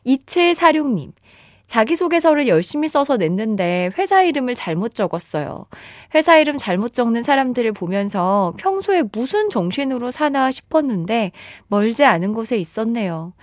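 A woman radio DJ chatting and reading listener messages, animated and laughing often, on a close studio mic. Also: a little high, moderate pace, no echo.

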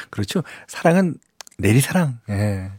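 A man's voice: mid-range voice, big pitch swings, unhurried, darkish tone, dry recording. Chatty male radio DJ, dry close mic. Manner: chatty and conversational, with frequent affirming asides. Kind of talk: radio show chat reading listener messages. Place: radio studio. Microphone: studio microphone, close and dry.

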